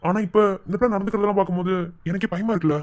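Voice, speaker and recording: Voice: high-pitched, animated, a bit bright. An actor voicing a worried young male college senior in a cartoon, pressing his girlfriend for answers. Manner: fast, pressing and anxious. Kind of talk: animated cartoon voice acting.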